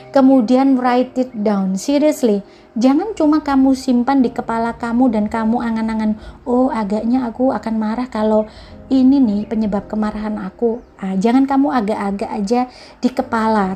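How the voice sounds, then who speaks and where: A woman with a slightly high, mellow voice gives a casual motivational talk. She talks to the listener directly and gently, slipping English phrases into her speech. Soft background music plays beneath her voice. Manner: mixes English phrases into Indonesian. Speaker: motivational speaker.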